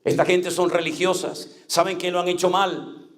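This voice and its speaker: A man's voice: high voice, fairly even intonation, moderate pace, echoey room. A male pastor preaching an impassioned sermon, acting out the voices he quotes.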